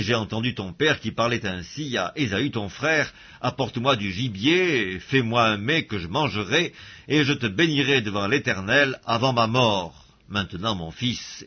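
Male reader voicing a commanding, scheming mother; husky tone, dull recording. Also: medium pitch, animated, normal speed. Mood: urgent. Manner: earnest, commanding reading.

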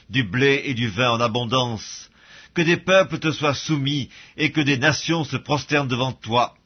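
A man reading the part of a solemn, aged, dying father giving blessings, in a husky voice on a dull recording. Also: medium pitch, close to an everyday voice.

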